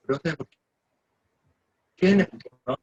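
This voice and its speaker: A male student's voice comes through a video call that keeps breaking up, chopping his question into fragments. He talks slowly, in halting pieces. The sound is dull, dry and lo-fi. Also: darkish tone, no echo. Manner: halting questions cut off mid-phrase. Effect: choppy audio breaking up over a weak connection. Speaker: student in an online class.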